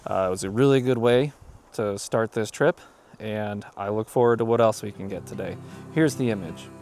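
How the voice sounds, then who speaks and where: A man's voice: lowish voice, normal speed, darkish tone, soft background music. A man, a landscape photographer, casually and enthusiastically narrating an outdoor vlog in a mountain forest while shooting, recorded on a camera mic. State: out of breath.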